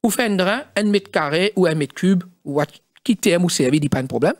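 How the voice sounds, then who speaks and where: A middle-aged man with a Mauritian accent, a studio guest explaining in halting speech with many fillers and restarts. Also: high voice, expressive, no room sound. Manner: halting, mixes French and Creole, many fillers. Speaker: studio guest, former district council president.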